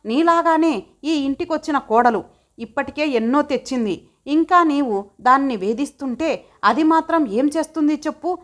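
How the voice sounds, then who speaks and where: A woman's voice: high voice, a bit bright. A woman voicing a weary young son, caught between wife and mother, who complains with exasperation in an audio story.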